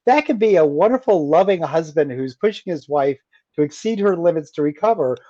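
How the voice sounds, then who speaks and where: A man talks as a guest author on a radio show, his voice sitting a little high for a man. He tells his stories animatedly and slips into the voices of the people he quotes. The sound is very dry and somewhat muffled and lo-fi. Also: animated, brisk, warm tone, no echo. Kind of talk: radio interview conversation.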